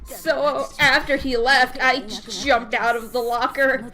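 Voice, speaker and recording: A high, timid schoolgirl who stammers and trips over her words, as a woman reads her part. Her voice stays soft and hesitant. Game music plays underneath. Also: little pitch movement, takes it slowly, full character voice. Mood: nervous. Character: timid nervous teenage girl confessing.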